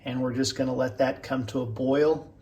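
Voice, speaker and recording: A man's voice: mid-range voice, fairly even intonation, moderate pace, a little mellow. Chatty Kansas man in an echoey kitchen. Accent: Western Kansas. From Western Kansas, USA. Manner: chatty, rambling explanations with folksy asides. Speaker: host of a DIY cooking channel. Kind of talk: casual cooking demonstration. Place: home kitchen at the stove. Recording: roomy, distant kitchen sound.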